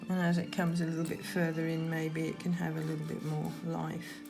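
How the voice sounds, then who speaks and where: Woman, gentle painting instructor, lowish creaky voice, unscripted demonstration, trailing pauses. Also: completely flat delivery, music in the background. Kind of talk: unscripted painting demonstration, talking while working.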